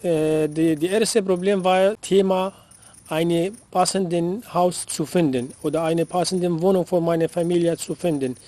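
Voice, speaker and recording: Man from Syria, higher voice, slow and careful, dry sound. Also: fairly even intonation, mellow, no room sound. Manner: careful, halting. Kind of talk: interview statement.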